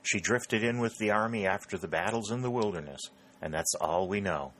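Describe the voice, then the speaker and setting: A man's voice: lowish voice, fairly quick, a bit bright. A man reading aloud, voicing a coarse and suspicious male politician in a storybook reading. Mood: scornful.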